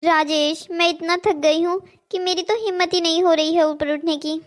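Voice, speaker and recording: A woman's voice: very high-pitched, flat delivery, normal speed. A woman voicing a lazy young mistress in a Hindi cartoon story, sulky and scornful.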